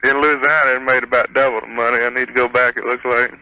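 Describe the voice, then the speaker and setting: Phoning a radio program, a man in his 20s talks casually in a sheepish, hesitant way. He speaks fast at a medium pitch, with little movement in his voice. The call comes through dull and lo-fi over the telephone.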